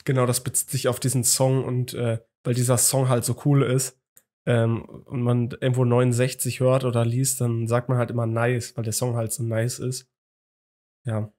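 A young man hosts a casual home podcast, rambling with lots of fillers and restarts. Sitting close to a boom-arm studio mic in a small room on a video call, he speaks at a moderate pace in a mellow, medium-pitched monotone.

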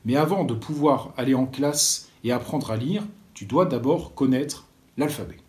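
A man's voice: mid-range voice, normal speed, darkish tone, close to an everyday voice. Man reading a kindly village schoolteacher. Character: stern but kindly male village schoolteacher.

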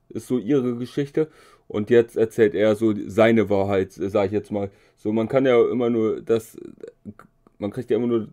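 Dark-voiced man casually reacting to rap. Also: fairly low pitch. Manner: slangy, loose, lots of filler sounds. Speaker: music reaction host.

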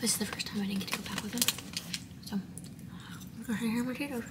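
A young woman with a Texas accent, vlogging in a hushed whisper while waiting alone in a hospital hallway, almost like whispered role-play. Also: on the high side, fairly even intonation, brisk. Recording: loud background noise.

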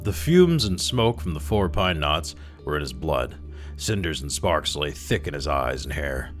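A man calmly reading a classic short story aloud as narrator. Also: extremely low pitch, a little slow, soft background music. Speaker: story reader.

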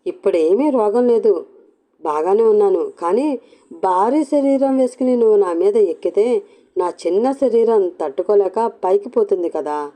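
A woman's voice: medium pitch, lively intonation, moderate pace, mellow, close to an everyday voice. A woman voicing a joking, teasing young wife in a storybook reading.

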